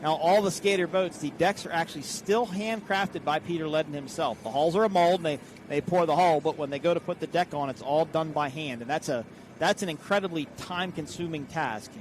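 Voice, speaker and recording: A man's voice: fairly high pitch, fairly quick. An American man giving live, explanatory sports commentary on a race. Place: live at an outdoor boat race. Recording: clear outdoor vehicle and engine noise.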